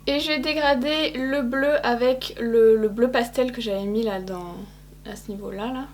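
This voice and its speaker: In a relaxed makeup tutorial, a young woman who vlogs about beauty addresses viewers directly, chatting and poking fun at herself as she explains her eye look. She speaks at a moderate pace in a slightly high, steady voice.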